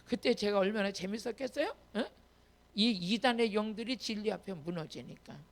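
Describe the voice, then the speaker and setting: A woman pastor giving an emphatic sermon with personal testimony, her delivery rising to loud commands. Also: mid-range voice, lively intonation, normal speed.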